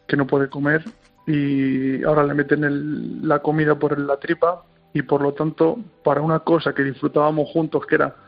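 A young man with a slightly high, gravelly, husky voice speaks as an interview guest. He tells his story casually and hesitantly, restarting his sentences as he goes. Faint music sits behind him. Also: level tone, normal speed, phone-quality sound. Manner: hesitant, many restarts, emotional.

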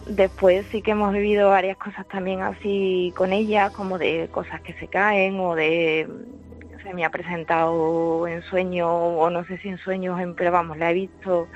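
A woman phones in to a radio program and tells her story in a halting way, pausing often to find the next words. The sound is dull and lo-fi, with faint music playing underneath her. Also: on the low side. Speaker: radio caller. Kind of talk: call-in storytelling.

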